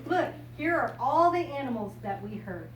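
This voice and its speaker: With a high pitch that swings widely at a normal speed, a woman in her 60s or older, American, reads a picture book to small children and talks with them informally in simple terms. She is a visiting storyteller and RV fan; the echoey room, far-off mic, and loud noise dominate the recording.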